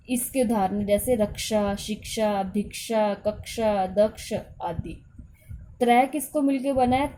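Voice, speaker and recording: Mellow-voiced woman teaching a grammar lesson. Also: medium pitch. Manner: explains patiently, repeats points, addresses children directly. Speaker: school Hindi teacher.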